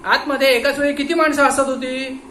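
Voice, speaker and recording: A man doing a shouting police inspector. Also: very high-pitched, brisk, echoey room, slight background noise, pitched above the performer's own voice. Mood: angry. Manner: shouting, forceful questions. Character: stern angry male police inspector, interrogating.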